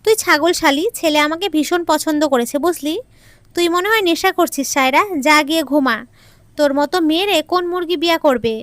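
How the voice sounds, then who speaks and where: A woman's voice: high voice, normal speed, fairly bright tone, no room sound. A woman voicing a sleepy, blunt young woman friend who teases mockingly in an audio story. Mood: groggy, mocking. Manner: teasing, mocking.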